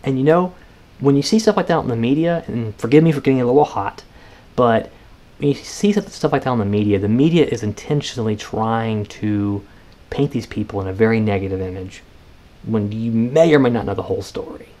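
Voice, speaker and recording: A man hosting a podcast, giving casual, earnest advice with excited jumps up in pitch. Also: fairly quick. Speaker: podcast host.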